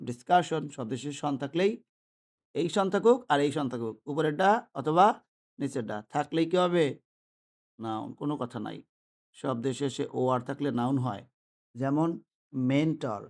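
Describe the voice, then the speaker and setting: A man's voice: a little high, a little mellow. A man teaching an English grammar lesson, listing example words and asking his listeners if they follow. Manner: asks the listeners rhetorical questions and repeats example words. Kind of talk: classroom-style grammar lesson.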